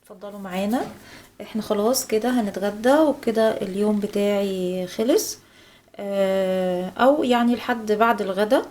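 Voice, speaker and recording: A young woman with an Egyptian Arabic accent, narrating a home vlog in a tired, sighing voice, slow and soft-spoken with many pauses. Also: medium pitch. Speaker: home vlogger.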